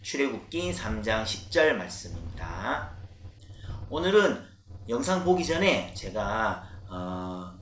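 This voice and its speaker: A man preaching to children as a children's pastor, lively and coaxing, asking them questions. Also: fairly low pitch, slow. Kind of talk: children's sermon. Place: church room. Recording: roomy church echo, faint noise.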